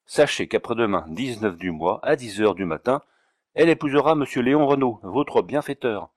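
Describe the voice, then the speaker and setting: A man's voice: mid-range voice, animated, moderate pace, no room sound, lightly acted. A stern, sour older aunt lays down the law in clipped, severe tones, as a male narrator puts her on. The recording is dry and close. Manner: sharp, curt, severe.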